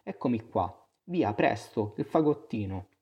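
A man's voice: fairly low pitch, expressive, measured pace, breathy edge, highs cut off. A man reading a story aloud and voicing a fierce older aunt who barks short, clipped commands. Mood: commanding. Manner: clipped, commanding, speaks in bursts.

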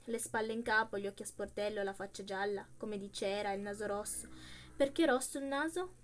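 A woman reading a literary story aloud, expressive and measured. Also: medium pitch. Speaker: reader.

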